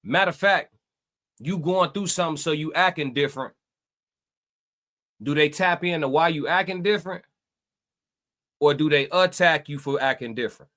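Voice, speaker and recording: Bright-voiced man hosting a live stream. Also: fairly high pitch, normal speed, pauses often. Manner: preachy, emphatic, talks to chat. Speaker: reaction stream host.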